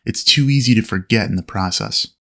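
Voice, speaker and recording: Narrating a flight lesson in an instructional style, this man has a somewhat low, slightly bright voice and a brisk delivery. His explanations of procedures are clear and methodical, with aviation radio phraseology throughout.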